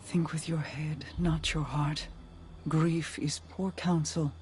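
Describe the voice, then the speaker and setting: An actress playing an ancient, regal woman in a video game, solemn, formal and sorrowful in measured phrases. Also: low-pitched, fairly even intonation, darkish tone. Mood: grave counsel. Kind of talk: dramatic video game acting.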